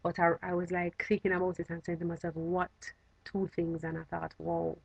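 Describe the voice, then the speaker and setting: A woman from Jamaica with a Jamaican accent, chatting casually to camera in a fond, unhurried, reminiscing way. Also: fairly low pitch, monotone, creaky, slightly rough, no echo, dull audio. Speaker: vlogger.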